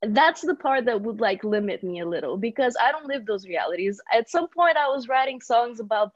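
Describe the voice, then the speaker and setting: A woman's voice: a little high, lively intonation, fairly quick, no echo, highs cut off. A young woman who grew up in Brazil, a singer-songwriter guest chatting casually on a podcast and laughing often. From Bulgaria, raised in Brazil.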